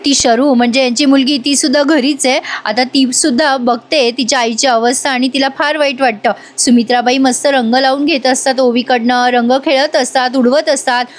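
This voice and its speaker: A woman's voice: sits high, fairly even intonation, moderate pace, hardly any pauses. A woman narrating a voice-over recap of a TV serial episode in a chatty way, addressing viewers directly. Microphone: voice-over recording.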